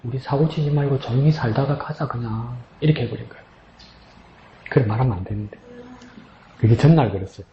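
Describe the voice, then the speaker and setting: A man's voice: mid-range voice, brisk, pauses often, slight background noise. A man, a pastor, preaching an emotional, storytelling sermon to his congregation and rising into a pleading tone when he voices God's words. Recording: roomy, slightly dull sound.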